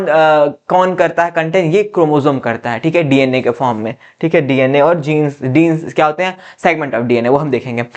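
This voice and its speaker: Higher-pitched man teaching biology. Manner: repeats questions and answers them himself, says "ठीक है" often; addresses students as "बच्चा". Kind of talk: classroom lecture.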